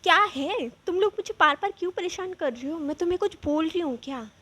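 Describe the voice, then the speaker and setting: A woman's voice: very high voice, lively intonation, fairly quick, slight background noise, voice pushed up, full character voice. A woman voicing a possessed young woman who snaps at people in a hostile, accusing way. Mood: angry. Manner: sharp, accusing.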